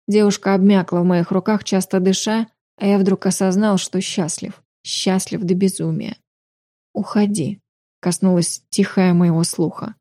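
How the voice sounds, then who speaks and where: Mellow woman reading an audiobook. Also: mid-range voice, no room sound, studio quality. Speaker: audiobook narrator. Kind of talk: first-person romance fiction narration.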